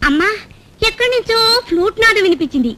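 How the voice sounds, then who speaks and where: A sassy young daughter in a comedy film, snapping back with cheeky retorts. Her voice is very high and bright, and she rattles along quickly. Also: lively intonation. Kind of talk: comic film scene acting.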